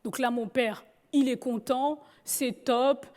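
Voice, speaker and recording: High-voiced woman telling her story. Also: slow pace. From Gabon. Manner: humorous, lively storyteller. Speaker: speaker. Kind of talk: personal storytelling talk.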